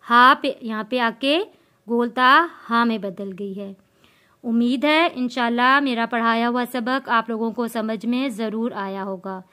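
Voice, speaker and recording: A woman teaching Quran reading in a slow step-by-step lesson, spelling out letters and vowel marks and then drawing out the joined syllables. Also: on the high side, bright, forceful tone, smooth.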